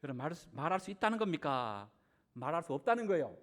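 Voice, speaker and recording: A man's voice: on the high side, sing-song, fast talker, a bit bright. A man preaching a sermon as pastor, putting rhetorical questions to his congregation.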